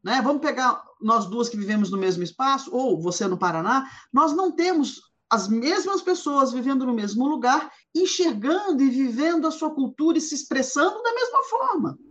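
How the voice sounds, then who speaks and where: A woman's voice: high-pitched, animated, moderate pace, hardly any pauses, fairly bright tone. A woman from Goiás, Brazil, leading an informal discussion, reading quotes and thinking aloud with many restarts. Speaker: discussion host. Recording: dull lo-fi sound.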